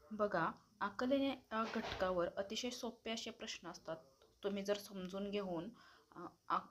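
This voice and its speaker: A woman teacher explaining an exam lesson to children, talking to them directly and pronouncing each letter slowly and clearly. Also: mid-range voice, slight background noise. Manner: addresses pupils directly.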